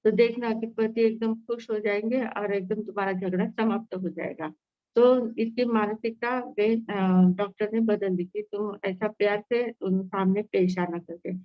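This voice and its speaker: A woman's voice: mid-range voice, level tone, moderate pace, no echo, lo-fi sound. A woman giving a sermon over an online call, telling a story with many fillers and restarts. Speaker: Jain nun teaching scripture. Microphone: online video call.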